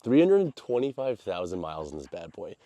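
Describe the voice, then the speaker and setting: A low, mellow voice with big pitch swings, a little fast and free of room sound, belongs to an American vlogger. Congested and nasal, he rambles casually using informal, slangy language.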